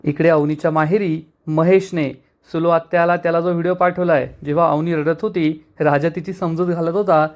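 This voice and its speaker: A man recaps a TV serial episode, telling the story in a steady, even manner. His voice sits noticeably high for a man. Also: normal speed.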